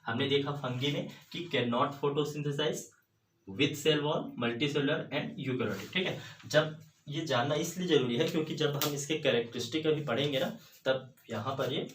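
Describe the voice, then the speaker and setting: Male teacher, patient step-by-step lecture, recorded from a distance in a roomy space. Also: medium pitch. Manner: explanatory, keeps saying "theek hai" and asks rhetorical questions. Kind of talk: classroom lecture explaining biology. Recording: roomy echo, distant mic, faint room noise.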